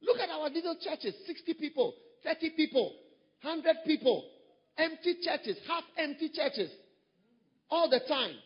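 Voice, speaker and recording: A male pastor with a very high-pitched, animated voice preaches a sermon at a measured pace. He's emphatic and repetitive, with sudden jumps in volume, recorded with a dull sound and long hall reverb.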